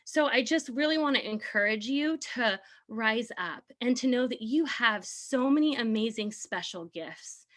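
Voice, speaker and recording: Earnest encouraging woman, slightly high voice. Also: expressive, unhurried, hardly any pauses, a bit bright. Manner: earnest, encouraging, sometimes laughing. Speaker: team leader. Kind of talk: motivational talk.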